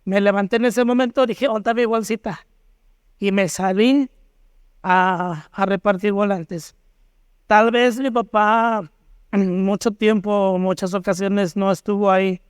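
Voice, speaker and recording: High, smooth-voiced Mexican man telling a story. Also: no room sound, clean studio sound. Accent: Mexican Spanish. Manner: lively storyteller acting out remembered dialogue. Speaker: church panelist. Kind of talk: personal testimony at church panel.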